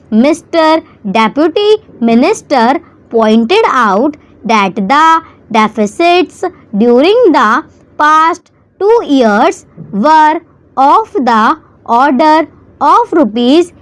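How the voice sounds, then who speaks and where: Very slow, high-pitched woman reading dictation. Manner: slow, deliberate, measured word-by-word phrasing with pauses. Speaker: dictation reader for stenography practice. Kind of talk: slow school dictation, reading a prepared speech.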